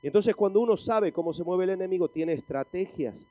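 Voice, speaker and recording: A man's voice: high-pitched, lively intonation, fairly quick, dark tone, no echo, highs cut off. A male pastor with a Spain Spanish accent, preaching emphatically and asking the congregation questions as he reads scripture. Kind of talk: sermon.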